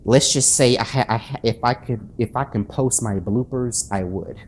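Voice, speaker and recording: Late at night, an author and channel host talks casually to camera, sleepless and nervous. His medium-pitched voice halts often, full of restarts and fillers, and he sounds self-conscious. There's slight background noise.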